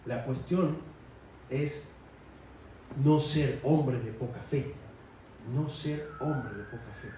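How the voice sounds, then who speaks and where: Speaking slowly with frequent pauses, a man with a warm, mid-range voice delivers a conversational sermon in a church hall, raising his voice for acted-out quotes. The recording is echoey, with a distant mic and a faint hiss or hum.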